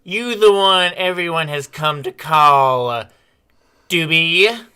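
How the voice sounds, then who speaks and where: A man playing an eccentric, theatrical supervillain doctor with an affected, drawn-out voice in a comedic radio play. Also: a little high, bright, forceful tone, clean tone, exaggerated voice. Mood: smug, genteel. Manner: affected, put-on villain voice, drawn-out.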